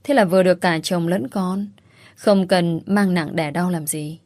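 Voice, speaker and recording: A woman's voice: fairly low pitch, a little slow, a little mellow, no room sound, lightly acted. A woman voicing a sly, smug young female teacher who pries breezily.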